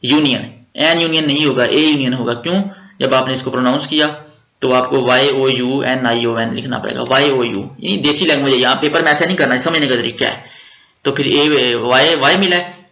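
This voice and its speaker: Pakistani man teaching grammar, bright gravelly voice. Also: medium pitch, fairly quick, roomy sound, lo-fi sound. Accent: Pakistani Urdu. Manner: repeats words, spells them out letter by letter; casual, jokey teaching with slang. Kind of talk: exam-prep grammar lecture.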